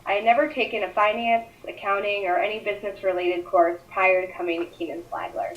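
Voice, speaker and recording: Woman reading a smooth mentor intro. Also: mid-range voice, fairly even intonation, a little fast, a bit bright, lo-fi sound. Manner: smooth, scripted delivery. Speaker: MBA student career mentor. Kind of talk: read self-introduction.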